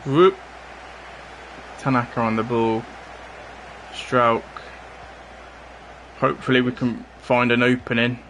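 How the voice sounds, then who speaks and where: A man's voice: mid-range voice, a little slow, long pauses, slight background noise. Man commentating his football game. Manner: casual running commentary, bursts of excitement at goals. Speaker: streamer playing a football game. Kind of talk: live gameplay commentary.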